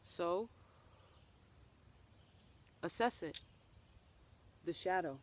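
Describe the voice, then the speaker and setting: A woman's voice: lowish voice, animated, extremely slow, darkish tone. A woman gives a tarot reading out in the woods. Her delivery is loose and conversational, and she keeps checking in with "okay?" and "right?". Faint background noise sits under her voice. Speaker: tarot reader. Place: outdoors in the woods.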